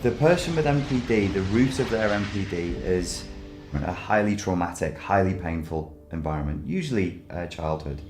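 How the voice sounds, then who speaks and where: Low-voiced methodical man, echoey room. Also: animated, normal speed, music in the background. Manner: explanatory, methodical. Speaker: therapist expert. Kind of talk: explanatory interview. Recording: roomy echo.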